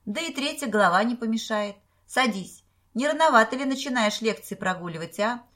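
A woman's voice: fairly high pitch, animated, fairly quick, fairly bright tone. A woman doing a jovial middle-aged man. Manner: jovial, teasing. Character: genial middle-aged man, a friendly neighbor.

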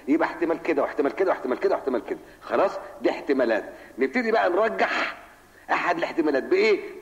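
Older Egyptian sheikh, brisk mosque lesson. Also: male voice, a little high. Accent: Egyptian Arabic. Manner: rhetorical questions answered himself, addresses listener as son; recites Quranic verses slowly. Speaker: sheikh answering questions. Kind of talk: mosque lesson answering questions. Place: mosque hall. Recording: lo-fi reverberant old mosque tape.

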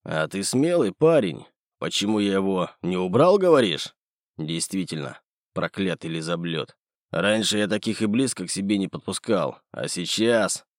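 A male audiobook reader voicing a gruff, bullying middle-aged businessman. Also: low voice, very animated, moderate pace, no room sound, studio quality. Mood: sneering. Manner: sneering, bullying.

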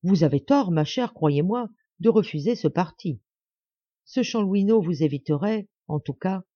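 A woman's voice: on the low side, slightly rough, dry recording. A haughty young noblewoman sneers in falsely sweet tones, as a woman reading an audiobook puts her on. Her mockery is cold and spiteful under the laughter. The sound is dry and a bit muffled.

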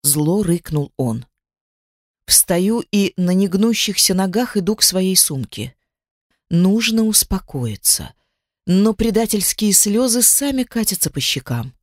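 A woman narrating a first-person novel in an expressive, dramatic reading voice. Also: mid-range voice, measured pace, no echo, studio quality. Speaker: audiobook narrator.

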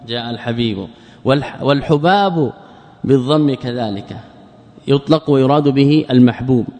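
A man teaching a religious studies class in a measured lecture, repeating key words and putting rhetorical questions to his students. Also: mid-range voice, darkish tone. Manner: measured, drawn-out explanation. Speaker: Islamic scholar teaching a class. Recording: long reverb of a large hall.

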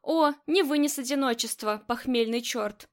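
In an audiobook, a woman reads the part of a loyal, easygoing young bodyguard in a high voice, giving him a light, teasing manner while keeping him respectful as he jokes. She reads at normal speed, close to an everyday voice.

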